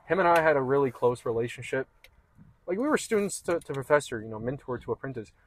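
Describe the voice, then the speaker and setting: A man's voice: mid-range voice, quick pace, slight background noise. A young man from Canada, co-hosting a casual chat and rambling with lots of "like" and "man". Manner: relaxed, rambling, says "like" and "man" a lot. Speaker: co-host.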